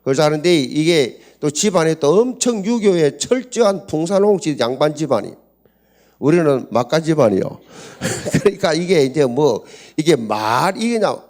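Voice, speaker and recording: An older pastor with a Busan accent tells stories at a seminar, his voice swinging high and low with lively animation. He acts out quoted voices and laughs often. His voice sits a little high for a man. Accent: Gyeongsang (Busan). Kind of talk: humorous seminar talk.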